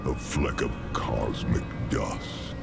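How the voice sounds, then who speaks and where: An actor playing an ancient, contemptuous cosmic root entity in a video game, speaking in calm, slow, menacing pronouncements with a deep gravelly voice. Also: male voice, full character voice. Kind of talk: video game villain dialogue. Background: loud game music.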